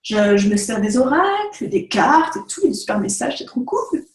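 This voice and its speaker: A woman chats straight to the camera in a lively, animated way, her pitch leaping around as she talks. Her voice sits a little high, and it rings in an echoey room. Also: normal speed. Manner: chatty, animated, direct address with many fillers. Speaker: vlogger, photographer. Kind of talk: casual chat to camera.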